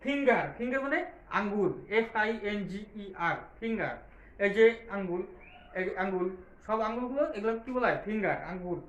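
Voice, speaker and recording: A man's voice: high voice, animated, fairly bright tone, dull audio. A man teaching a lesson to young children, patiently spelling words out letter by letter and answering his own questions. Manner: patient, repetitive, slow explaining. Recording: roomy, echoey room.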